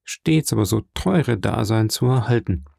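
A man voicing a dying old priest in an audiobook, slow, earnest and fatherly, weak and failing. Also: fairly low pitch, expressive, vocal fry, a little mellow, dry recording, studio quality, full character voice. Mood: solemn. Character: dying old male priest, gentle and solemn. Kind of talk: audiobook character reading.

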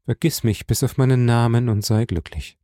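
A man reading aloud plays a grave older nobleman who speaks in a solemn, measured way. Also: mid-range voice, mellow, no room sound, studio quality, close to an everyday voice.

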